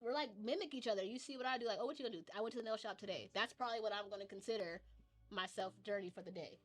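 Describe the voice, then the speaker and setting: A woman's voice: medium pitch, very fast. A woman co-hosting a podcast, a single mother talking earnestly about self-love and relationships, often repeating words. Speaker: podcast co-host. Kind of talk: casual chat.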